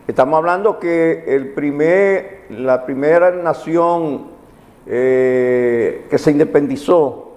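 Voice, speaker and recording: In a reverberant, hall-like recording, a magistrate serving as a TV legal commentator explains the law didactically, restating his main points. He's from the Dominican Republic with a Caribbean Spanish accent, and his slightly high voice is slow and a little mellow.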